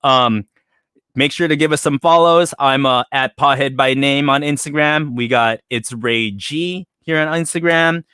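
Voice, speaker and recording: A man's voice: mid-range voice, a little slow, sharp tone, clear, resonant tone, dry recording, clean studio sound. A young man co-hosting a casual podcast, joking and rambling with fillers and restarts. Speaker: podcast co-host. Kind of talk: casual chat.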